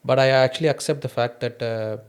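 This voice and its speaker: Speaking fairly quickly in a clear, resonant voice of medium pitch and fairly even intonation, this podcast host shares candid personal anecdotes and reflections. He has an Indian accent, and English isn't his first language; he grew up with an Indian mother tongue.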